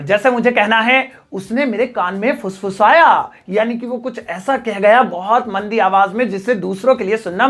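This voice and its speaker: A man's voice: sits high, fairly bright tone. Hindi-speaking man teaching English words. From Delhi, India. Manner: repeats each English example slowly and deliberately. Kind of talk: spoken language lesson.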